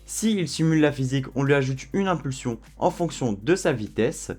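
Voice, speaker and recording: A man walking viewers through a software tutorial in a relaxed, chatty way, with frequent fillers. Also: medium pitch, normal speed, faint music behind. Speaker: tutorial host. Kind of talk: screen-recorded software tutorial.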